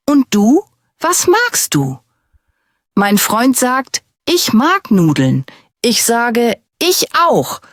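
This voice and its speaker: A woman narrates a simple story for language beginners, taking her time over each short sentence. Her pitch moves up and down in a lively way, and she speaks slowly and clearly. The recording is dry and close, with no room sound. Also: no room sound. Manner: slow, clear, simple first-person sentences. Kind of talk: slow scripted narration for beginners.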